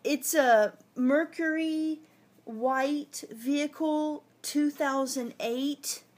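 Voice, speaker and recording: Persistent high-voiced woman filming on her phone. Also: extremely slow. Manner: polite but persistent, pressing for clear answers. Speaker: towing victim filming her ordeal. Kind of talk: handheld phone vlog and phone call. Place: outdoors in a parking lot by a car. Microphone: phone camera held in hand.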